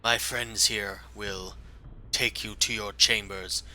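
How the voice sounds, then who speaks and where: A man's voice: on the low side, steady tone, takes it slowly, bright, forceful tone, exaggerated voice. A man voicing a proud, stern hobgoblin warlord who speaks in a curt, imperious way in a tabletop game.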